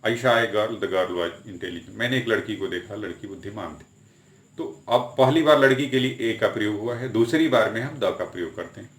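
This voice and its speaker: A man teaching English articles in Hindi, giving English example sentences and saying them slowly and deliberately. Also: fairly low pitch, reverberant. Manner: slow, deliberate spelling out of examples. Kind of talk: explaining grammar with Hindi examples.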